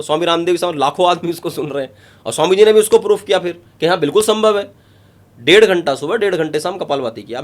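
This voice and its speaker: Emphatic yoga guru man explaining. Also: fairly high pitch. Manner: emphatic, repetitive, explains step by step. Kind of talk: instructive interview talk.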